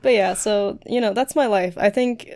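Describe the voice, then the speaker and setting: A woman's voice: medium pitch, normal speed, a little mellow. Young woman chatting easily on a podcast. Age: young adult. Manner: easygoing, giggly. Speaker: streamer and dance teacher, podcast guest. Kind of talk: casual podcast chat.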